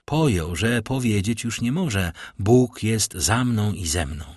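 A man reads a classic novel aloud in a measured, grave manner. His low voice is slightly husky and unhurried, and the sound is close and dry. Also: animated, darkish tone, no room sound. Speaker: audiobook narrator. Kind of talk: dramatic literary narration.

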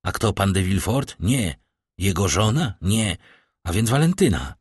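A man voicing an urgent middle-aged male doctor who questions patients in a brisk way. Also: deep voice, sing-song, husky, no room sound, clean studio sound, exaggerated voice. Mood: probing.

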